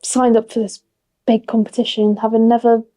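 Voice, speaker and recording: Brief: woman, twenties, soft mellow tone, easy chatty guest who laughs a lot. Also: a little high, level tone, a little fast. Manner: giggly, friendly, chatty. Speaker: podcast guest, archer. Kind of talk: casual chat.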